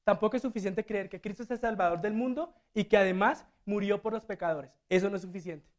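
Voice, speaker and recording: Guy preaching in church, gets loud then drops real quiet, acts stuff out. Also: high voice, fairly quick. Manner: animated, swings from loud to hushed, acts out quotes. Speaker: deacon preaching. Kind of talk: sermon.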